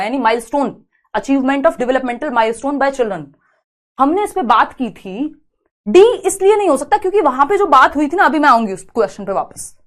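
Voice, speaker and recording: A woman teacher giving an exam-prep lecture. She explains through rhetorical questions and frequent tag questions, mixing English terms into her talk and dictating notes. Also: fairly high pitch.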